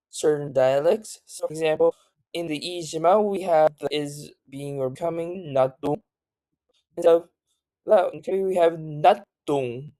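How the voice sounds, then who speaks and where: A tired language tutor giving a casual spoken lesson, halting often with fillers and self-corrections. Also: mid-range voice, mellow, no echo. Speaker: language teacher.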